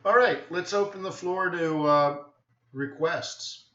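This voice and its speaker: The host of a live trading webinar, a man with a fairly high, somewhat bright voice, takes things slowly. He thinks aloud in a casual, offhand way, often checking in with "right?". The sound is dull, roomy and echoey.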